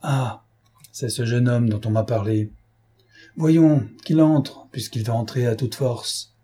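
A man's voice: medium pitch, level tone, normal speed, dark tone, slightly rough, natural voice. A man voicing a brusque, self-important older male philosopher who talks in an impatient, lecturing way.

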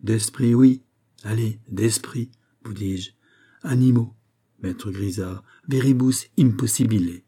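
A man's voice: lowish voice, slow, mellow, slightly rough, full character voice. A man voicing a stern dying old Jesuit master. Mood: grave. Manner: stern, imperious. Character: dying old male Jesuit general, commanding.

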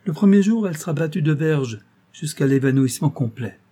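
A man's voice: fairly high pitch, expressive, fairly quick, warm tone, slightly rough, pitched above the performer's own voice. A man voicing a gloating, cruel master criminal in an audiobook, taunting and menacing. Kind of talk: audiobook reading.

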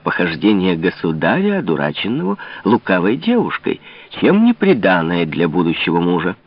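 A man's voice: wildly swooping pitch, heavily acted. A man doing a cold, mocking king. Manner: cold, low, measured sarcasm. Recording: dull lo-fi recording.

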